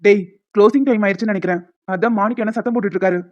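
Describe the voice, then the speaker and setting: A woman's voice: mid-range voice, very fast, a little mellow, highs cut off, natural voice. A woman doing a chatty young male friend. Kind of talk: cartoon voice acting.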